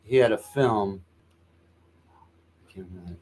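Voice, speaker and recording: A man's voice: lowish voice, measured pace, a little mellow. A man co-hosting a live stream, chatting casually in an easygoing way. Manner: easygoing, peppers speech with 'man'.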